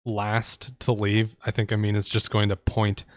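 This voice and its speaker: Man game master, tabletop session, low voice, dry close sound, wry asides. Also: completely flat delivery, a little slow, no echo.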